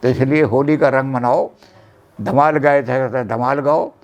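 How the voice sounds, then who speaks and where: An older man who sings slow folk verses and then explains them in quick talk, as the guest on a chat show. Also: mid-range voice, steady tone. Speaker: guest folk music expert. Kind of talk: explaining and singing folk songs.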